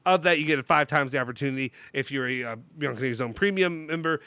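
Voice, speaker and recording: A man's voice: mid-range voice, fast talker, sharp tone, clear, resonant tone, no echo. A man with a nasal, blocked-nose voice hosting a channel in casual, jokey, rambling live-stream chat. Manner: jokey, rambling, self-deprecating. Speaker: YouTube channel host.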